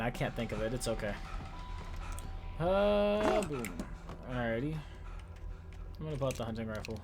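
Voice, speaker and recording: Rambling young man at his game. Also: mid-range voice. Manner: rambling, self-mocking, jumps to loud outbursts. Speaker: gaming YouTuber. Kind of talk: casual let's-play commentary. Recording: steady noise under the voice.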